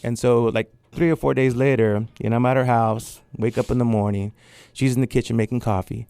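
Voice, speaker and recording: A man's voice: mid-range voice, brisk, creaky, clean tone, no echo. A man from California's San Joaquin Valley, a guest artist telling stories in a casual interview and acting out the people he quotes. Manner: animated storyteller, acts out the people he quotes.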